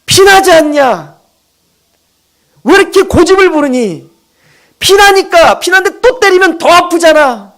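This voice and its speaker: A man's voice: extremely high pitch, big pitch swings, unhurried, long pauses, fairly bright tone, pitched above the performer's own voice, full character voice. A man voicing God as a grieving father pleading with his rebellious people. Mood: anguished pleading. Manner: anguished, pleading.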